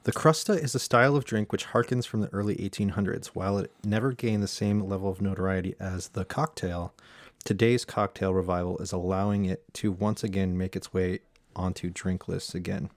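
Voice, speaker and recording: Low-voiced man explaining a cocktail. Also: steady tone, dry recording, studio quality. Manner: explains recipes, halting with fillers. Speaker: home bartender host. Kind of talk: casual chat.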